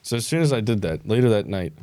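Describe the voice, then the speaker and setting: Man from Florida, low voice, laid-back, swears a lot, podcast co-host, dry close sound. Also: big pitch swings, quick pace, warm tone, no echo. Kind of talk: casual chat.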